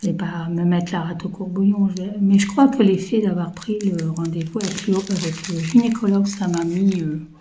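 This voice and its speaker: A woman's voice: fairly low pitch, steady tone, normal speed, hardly any pauses, dark tone, slight background noise, rough recording. A woman in her fifties chatting casually to viewers while she works on a craft project, rambling with many fillers and muttering to herself. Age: 50s. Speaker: craft vlogger.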